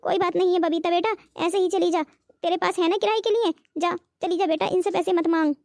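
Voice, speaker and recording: A grumbling, penny-pinching old mother-in-law from a cartoon, acted by a woman. She has a very high, thin voice and constantly scolds the family. The sound is close and dry, with no room around it. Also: fairly even intonation, brisk, a little mellow, dry recording. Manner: scolding, complaining. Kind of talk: cartoon voice acting.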